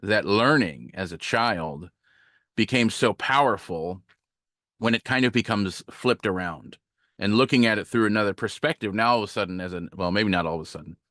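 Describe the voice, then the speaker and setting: Man, low smooth voice, dry close mic, chatty reflective sermon delivery. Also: moderate pace, dry recording. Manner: relaxed, reflective, with fillers and self-corrections. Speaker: guest minister. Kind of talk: conversational sermon. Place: online talk, home setup.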